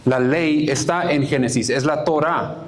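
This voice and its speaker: A man's voice: fairly high pitch, unhurried. A man preaching a sermon as pastor, earnest, repeating key phrases for emphasis and reading scripture aloud, stopping to correct himself.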